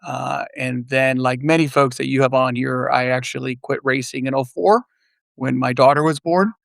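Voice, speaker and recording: Podcast guest: middle-aged man from Puerto Rico, gravelly and flat, measured, dry remote sound. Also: medium pitch, no room sound. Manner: measured, frequent "uh" pauses. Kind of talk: casual interview chat. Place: remote, virtual studio.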